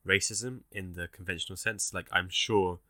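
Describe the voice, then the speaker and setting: A young man with a very low, bright, forceful voice co-hosts a podcast, talking in loose, rambling bursts. The sound is dry and close, with no room around it. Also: normal speed, no room sound. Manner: rambling, animated, swears casually. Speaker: podcast co-host. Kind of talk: casual chat.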